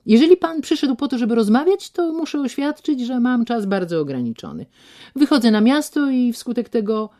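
A woman's voice: on the high side, big pitch swings, moderate pace, voice pushed up. A woman voicing a proud young woman who answers coldly and defiantly, raising her voice. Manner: cold and defiant, loud.

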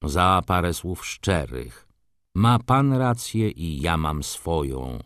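A man's voice: low-pitched, very animated, takes it slowly, a bit bright, no echo, studio quality, exaggerated voice. A man voicing a reserved, determined merchant who speaks in short, restrained sentences. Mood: terse, restrained. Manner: terse, restrained.

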